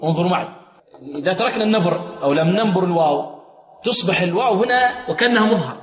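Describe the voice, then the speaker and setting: A man teaching Quran recitation rules, quizzing his students and chanting verses slowly to show each rule. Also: high-pitched, expressive, reverberant, big-room sound. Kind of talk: tajweed lesson with sung recitation.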